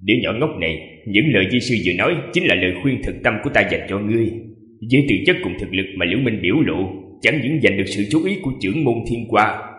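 A man's voice: lowish voice, a bit bright. A man with a sore throat voicing an older male sect master who teases his female disciple with knowing advice. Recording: echoey, long reverb.

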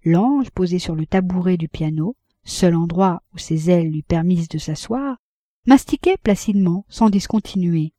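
A woman reading a classic novel aloud as an audiobook narrator, measured and even. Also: on the low side, dry recording, clean studio sound. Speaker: audiobook reader.

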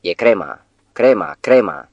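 A man's voice: low-pitched, fairly even intonation, no echo, highs cut off, lightly acted. A man reading as an exultant new witch. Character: exultant young woman turned witch.

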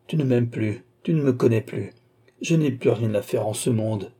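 A young nobleman bound by honor, declaiming his accusations and pleas, as a male reader gives him voice. The tone is dark and husky, swelling with anger and then sinking into pleading. It has the sweep of a classic read-aloud novel. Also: mid-range voice, moderate pace, lightly acted. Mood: despairing. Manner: declamatory, wrathful then imploring.

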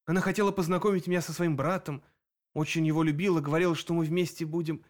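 A man reading an audiobook, voicing a young woman who grieves her murdered friend and wants revenge, with an emotional, sharp voice. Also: on the high side, steady tone, fast, voice pushed up, lightly acted. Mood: bitter grief.

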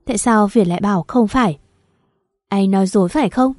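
A woman reading a first-person story aloud in an even, steady narration. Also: medium pitch, fairly quick, dry recording, clean studio sound.

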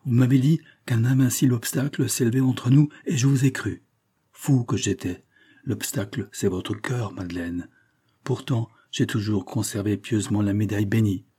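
Man doing a jilted young man, anguished and bitter, husky and dark, pushed a bit louder. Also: on the low side, moderate pace. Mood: bitter, reproachful. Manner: impassioned, pleading, despairing.

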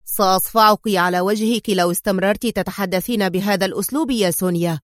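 A woman voicing a hot-tempered mafia leader who speaks sharply and forcefully. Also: medium pitch, fairly even intonation, fast, no room sound, studio quality, close to an everyday voice. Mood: harsh angry.

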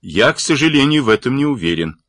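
A man's voice: mid-range voice, big pitch swings, fast, a bit bright, no echo, pitched above the performer's own voice. A man reading an audiobook, voicing a resolute, worried male polar expedition driver.

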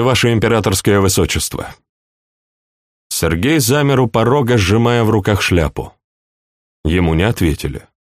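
A man narrating a novel as an audiobook, in an even, unhurried storytelling manner. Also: lowish voice, dry recording, studio quality. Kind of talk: scripted narration.

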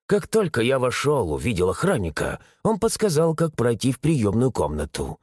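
Husky, lively male audiobook narrator. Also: mid-range voice, moderate pace, no room sound, studio quality. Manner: expressive first-person storytelling.

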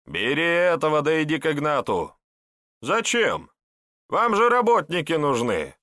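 Guy putting on a bossy sneering estate man, high and loud, lively swings. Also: a little slow, no room sound, studio quality, exaggerated voice. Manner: mocking, bossy, shouting orders. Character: suspicious bossy kitchen-yard man. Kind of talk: audiobook character voice.

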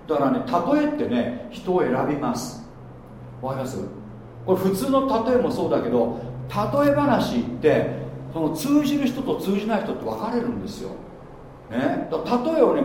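A man preaching a sermon as pastor, chatty and animated, often asking his listeners questions. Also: a little high. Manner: animated, conversational, asks the congregation questions. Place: church. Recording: very echoey church hall with faint noise.

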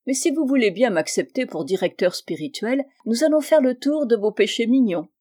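A woman's voice: fairly high pitch, lively intonation, normal speed, warm tone, voice pushed up. Woman reading as an ironic middle-aged diplomat. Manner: dry, ironic repartee. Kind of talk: audiobook reading.

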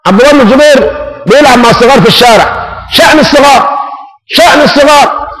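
High-voiced elderly Egyptian sheikh teaching. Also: male voice, low-quality recording. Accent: Egyptian Arabic. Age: 70s. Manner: lively storyteller, mixes classical and colloquial, rhetorical questions. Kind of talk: religious lesson with storytelling.

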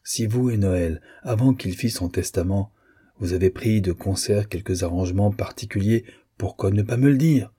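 A man voicing a young nephew in an audiobook, polite, restrained and quietly ironic. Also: lowish voice, normal speed, husky. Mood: aggrieved. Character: young male nephew, resigned and sardonic. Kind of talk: audiobook character reading.

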